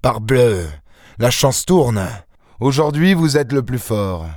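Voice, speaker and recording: A man's voice: medium pitch, expressive, slow pace, no room sound, clean studio sound, pitched above the performer's own voice. A man reading an audiobook and voicing a desperate, cornered safecracker who talks in a blunt, clipped, resentful way. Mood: bitter, defeated.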